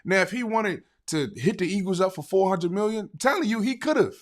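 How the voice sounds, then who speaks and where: A man hosting a live sports talk stream, reading viewer comments in an animated way and often asking "right?". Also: high voice, brisk.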